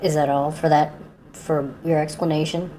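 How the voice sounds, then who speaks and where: A woman's voice: low voice, flat delivery, normal speed, mellow, slight background noise. A woman hosting a casual voice call, talking in a loose, hesitant way. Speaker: call host.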